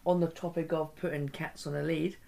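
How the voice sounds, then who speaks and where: A man's voice: a little high, level tone, fairly quick, gravelly, warm tone. A British man co-hosting a podcast in casual banter, with a jokey, self-deprecating way of talking. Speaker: podcast co-host.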